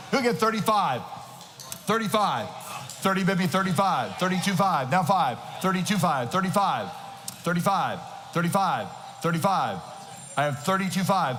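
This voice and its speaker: A man with a high voice delivers an auctioneer chant, repeating numbers rhythmically and pressing insistently for bids. His voice rings through a big reverberant hall, with some noise around him. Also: a bit bright. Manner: insistent, rhythmic bid calling. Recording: echoing hall PA with noisy ambience.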